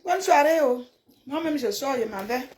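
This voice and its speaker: A woman with a high-pitched, lively voice talks at a moderate pace over background noise, casually replying to comments on her live stream. Originally from a village in francophone Africa, she is blunt and scolding, pressing her points and repeating them.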